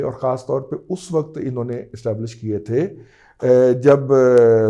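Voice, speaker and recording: A man's voice: mid-range voice, warm tone. A man, giving an emphatic news-analysis monologue as a political commentator, often checking in with the listener.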